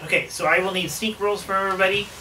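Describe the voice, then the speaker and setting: A game master narrating a tabletop game in a relaxed way, with fillers and frequent laughs. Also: mid-range voice, very fast. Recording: distant mic with hiss.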